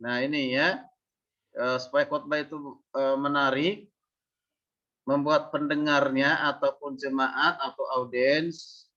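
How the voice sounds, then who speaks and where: Bright-voiced man giving a seminary lecture. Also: fairly high pitch, dull audio. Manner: demonstrates rising and falling intonation, many fillers. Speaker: homiletics lecturer.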